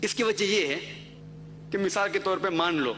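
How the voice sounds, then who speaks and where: A man's voice: high voice, bright, forceful tone, a little hiss or hum. A man giving an explanatory religious lecture, going through points methodically and citing verses by number.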